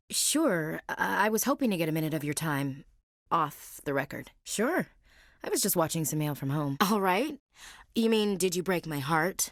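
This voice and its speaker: This is video game character dialogue: a low-pitched actress voices a young female marine gunnery chief who is devout, plain-spoken, frank and wry. The studio-quality recording has no echo.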